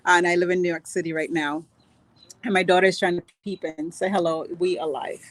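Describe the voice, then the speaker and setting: Woman, low-pitched, dry video-call sound, reflective storyteller, unhurried. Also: level tone, dry recording. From Grenada, raised in Trinidad and Tobago. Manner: earnest, unhurried, many "you know"s. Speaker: guest speaker.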